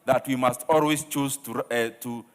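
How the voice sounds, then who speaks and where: A Kenyan man delivers a formal tribute as a member of parliament. His pitch is mid-range and his phrases are measured, carried by the long reverb of a large chamber. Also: steady tone.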